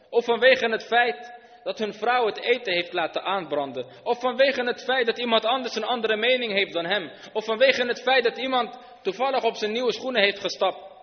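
High-voiced man preaching in a reverberant hall. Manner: earnest, explanatory, weaving in Arabic phrases. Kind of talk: Islamic sermon. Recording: dull lo-fi sound with long hall reverb.

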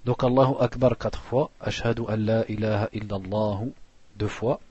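A man teaching a religious lesson, reading passages fast and then explaining them plainly with restarts. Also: lowish voice, steady tone, warm tone, no echo, lo-fi sound. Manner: reads Arabic passages quickly, then explains slowly with restarts; clears throat now and then.

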